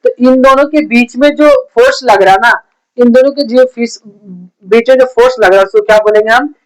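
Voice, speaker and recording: A man's voice: very high-pitched, normal speed, clear, resonant tone, low-quality recording. A man teaching pharmacy in a casual explainer lesson, often asking the listener questions and checking in with "okay?". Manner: repeats "thik hai" and quizzes the viewer with questions. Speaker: pharmacy tutor.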